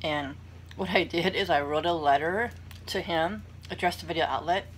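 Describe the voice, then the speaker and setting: A young adult mukbang vlogger talks to her viewers between mouthfuls at a moderate pace, her pitch fairly low. She wanders from anecdote to anecdote, tossing in self-deprecating remarks, over clear background room noise.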